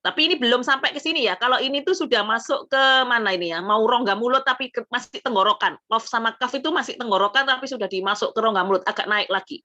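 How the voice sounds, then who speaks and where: Bright-voiced Indonesian woman teaching recitation. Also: a little high, fast, hardly any pauses. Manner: explains patiently, demonstrating letter sounds aloud with filler "gitu ya". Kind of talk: casual spoken lesson.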